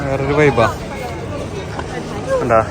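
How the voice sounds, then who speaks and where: A man's voice: mid-range voice, fairly even intonation, slow pace. A man guiding companions in a casual outdoor vlog, mixing English words into Malayalam and often checking with questions. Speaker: vlog guide. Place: outdoors at a seaside fort. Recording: noisy outdoor audio, vehicles, chatter.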